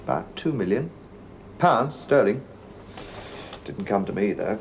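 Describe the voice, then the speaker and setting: An actor playing a nonchalant male murder suspect in a television drama, answering in a cool, mocking, unhurried way. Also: lowish voice, sing-song, a little hiss or hum, poor audio. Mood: detached. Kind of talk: British television drama acting.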